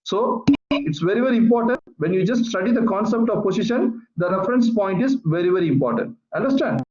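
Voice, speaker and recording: High-pitched guy lecturing physics online, slow and repetitive, roomy dull sound. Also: expressive, a little mellow. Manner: repetitive, patient explaining. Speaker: teacher. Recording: echoey, muffled online call audio.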